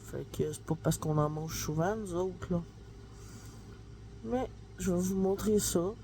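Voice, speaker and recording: Chatty Québécoise mom vlogging at home. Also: female voice, lowish voice, unhurried, dark tone, slight background noise. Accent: Québécois French. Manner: chatty, rambling, full of fillers like "là" and "tu sais". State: stuffy nose, talking through the nose. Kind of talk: casual home vlog chat. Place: at home, kitchen then in bed. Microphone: handheld phone camera, no tripod.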